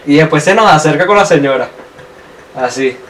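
A man's voice: fairly high pitch, a little fast. A young man with a Venezuelan accent, co-hosting a podcast and telling a story with lots of laughter and acted-out voices. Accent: Venezuelan Spanish. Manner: animated, laughing, acts out voices in anecdotes. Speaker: podcast co-host. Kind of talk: casual storytelling chat. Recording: distant mic with faint noise.

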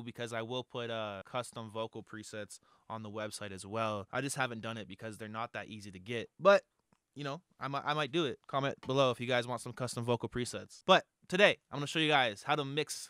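This is a casual, chatty tutorial in which a young adult male music producer explains how to mix vocals from his home studio. His mid-range voice comes across bright, forceful, and clean, captured without echo on a close studio mic mounted on an arm.

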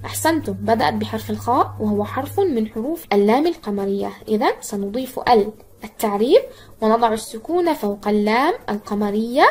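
A woman with a high voice leads a recorded lesson for children. She talks straight to the pupil with steady encouragement and draws each example word out slowly, syllable by syllable, so the sounds come through clearly. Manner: slow, carefully drawn-out syllables when modelling words; encouraging, addresses the pupil directly. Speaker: teacher.

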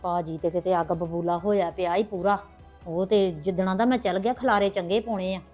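A middle-aged woman in a hobby village family drama vlog takes the role of a mother who anxiously asks her sister-in-law for help. Her fairly low, slightly mellow voice sounds natural, moving a little fast with fairly even intonation over soft background music.

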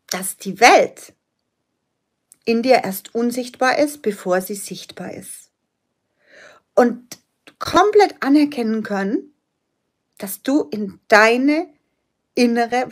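A woman giving a spiritual motivational talk as a manifestation coach, speaking emphatically and repeating key phrases. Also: on the high side.

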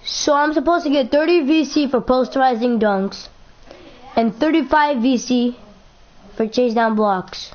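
A woman's voice: high voice, a little slow, darkish tone, highs cut off. Chatty young woman gaming commentator. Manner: chatty, repeats herself, playful complaints. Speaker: gaming YouTuber. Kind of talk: casual gameplay commentary.

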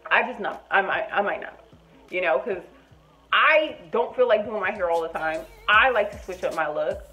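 A woman telling a personal story in a casual vlog, acting out both sides of the conversation with lively voices. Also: mid-range voice, normal speed, faint music behind. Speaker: storytime vlogger.

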